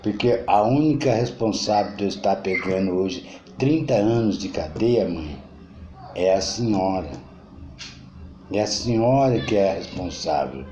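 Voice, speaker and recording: A man voicing a grown son, just convicted, who bitterly blames his mother in a lower, quieter voice. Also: lively intonation, unhurried, a little hiss or hum. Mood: bitter accusing. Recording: dull roomy recording.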